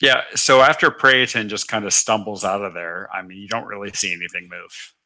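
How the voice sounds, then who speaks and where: A man's voice: on the low side, steady tone, a little fast, bright, forceful tone. A man running a tabletop game as game master, narrating and explaining outcomes matter-of-factly.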